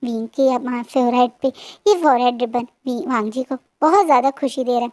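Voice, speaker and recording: A woman's voice: a little high, moderate pace, a little mellow, dry recording. A woman casually retelling a fan-fiction story in a chatty, hesitant way with frequent fillers.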